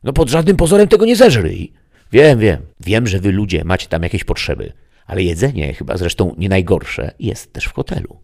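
A man's voice: sits low, big pitch swings, gravelly, a little mellow, voice pushed up, exaggerated voice. A man voicing a chatty, mocking male devil who teases a human visitor in an audiobook story. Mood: teasing. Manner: fast teasing banter.

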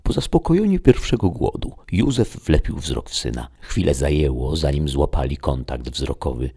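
A man reading a story aloud as an audiobook narrator, in a measured, dramatic way. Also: very deep voice, sing-song, dark tone, breathy edge. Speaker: audiobook reader.

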